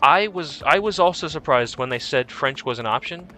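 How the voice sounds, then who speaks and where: A man's voice: a little high, lively intonation, normal speed, bright, forceful tone. A young man streaming a video game, chatting in a rambling, easygoing way with lots of restarts. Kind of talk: casual chat while streaming a game.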